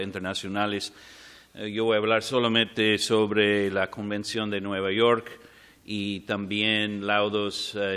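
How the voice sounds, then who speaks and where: A man giving a formal conference talk, halting as he searches for words. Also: fairly low pitch, a bit bright, smooth. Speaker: conference panelist, legal expert.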